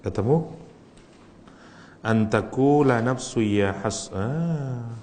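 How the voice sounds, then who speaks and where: A middle-aged Islamic teacher with a light accent speaks slowly in an animated lecture on Quranic language, jumping into a sudden high voice to act out Arabic cries of grief. He teases his audience, laughs often and quizzes them, with a faint hum of room noise behind him.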